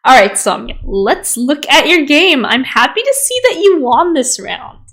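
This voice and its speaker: A woman's voice: sits high, big pitch swings, a little slow, creaky, fairly bright tone. A woman streamer going over viewers' chess games in a casual live analysis, easily amused and chatting between moves. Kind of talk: casual livestream game analysis.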